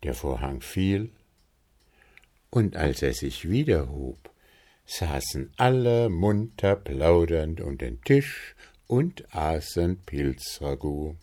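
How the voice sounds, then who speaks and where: A man narrating a children's storybook in a calm, unhurried, gently playful way. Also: extremely low pitch.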